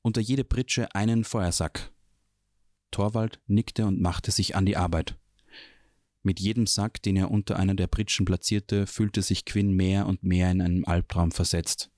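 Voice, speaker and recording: A man reading a fantasy novel chapter aloud in a calm, even storytelling manner. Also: low voice, moderate pace, dry recording, clean studio sound. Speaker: audiobook reader. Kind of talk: scripted narration of a fantasy novel.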